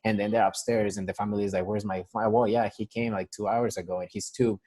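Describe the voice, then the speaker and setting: A man's voice: lowish voice, level tone, fast talker, a little mellow. A young man from Mexico with a Mexican Spanish accent, working as a nurse and talking casually on a phone call in a rambling way, full of restarts. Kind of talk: casual interview over a call. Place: San Diego.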